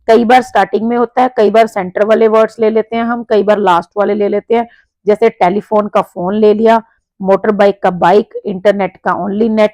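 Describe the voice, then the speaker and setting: A woman teacher works through exam answers in a patient walkthrough. She reads the sentences slowly, then explains in Hindi, checking in often. Her voice sits at a medium pitch and is recorded close and dry. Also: darkish tone, no room sound, poor audio. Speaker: English teacher. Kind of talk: exam-prep lesson walkthrough.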